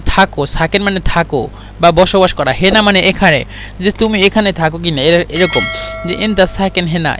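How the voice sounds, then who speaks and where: A man with a fairly high voice gives a relaxed vocabulary lesson. He says each word, repeats it and explains its meaning patiently, one term at a time. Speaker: Arabic language teacher. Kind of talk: casual spoken vocabulary lesson.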